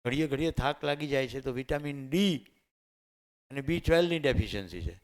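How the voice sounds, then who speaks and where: A man's voice: medium pitch, fairly quick. A man with a Gujarati accent giving a motivational lecture to teachers. He asks the room questions and then answers them himself, and he mixes in Hindi and English terms. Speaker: teacher trainer.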